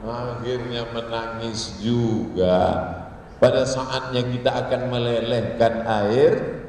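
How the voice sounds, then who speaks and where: A man preaching a sermon to a congregation, telling stories with lively acted-out voices and chanted Arabic verses. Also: medium pitch, slow pace, slight background noise. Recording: distant mic in a reverberant hall.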